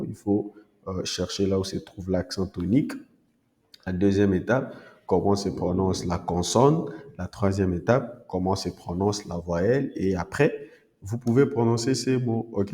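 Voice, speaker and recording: A man with a low, mellow voice gives a pronunciation lesson. He explains step by step and keeps checking in with his listeners. He says each example word aloud several times, and his voice trails off in a long reverb. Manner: explains slowly, often checks with "ok?"; repeats model words aloud for practice. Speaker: English teacher. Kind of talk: spoken lesson.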